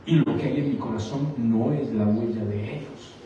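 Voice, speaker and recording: A male pastor preaching fervently, calling listeners brother and asking rhetorical questions, swinging from quiet lines to loud exclamations. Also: mid-range voice, normal speed. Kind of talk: sermon. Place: church sanctuary. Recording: echoey church hall, distant mic, slightly dull.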